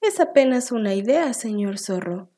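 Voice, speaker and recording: A woman's voice: on the high side, animated, normal speed, dark tone. A woman voicing a small, clever male piglet who sighs, squeals and politely coaxes in a storybook reading. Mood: sighing, coaxing. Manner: sighing, squealing, sweetly persuasive.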